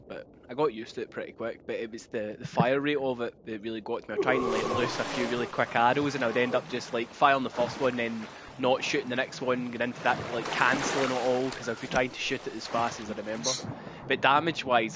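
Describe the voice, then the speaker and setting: A man's voice: mid-range voice, fairly even intonation, fast. Rambling man on a headset. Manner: rambling, with constant "you know what I mean". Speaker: gamer chatting during play. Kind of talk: casual chat. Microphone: gaming headset. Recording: noisy headset chat recording.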